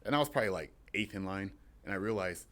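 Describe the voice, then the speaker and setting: A man's voice: low voice, animated, fast talker, a bit bright. A young adult man from San Diego, a wrestler guest chatting casually and telling rambling stories with frequent laughs. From San Diego, USA. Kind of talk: casual chat.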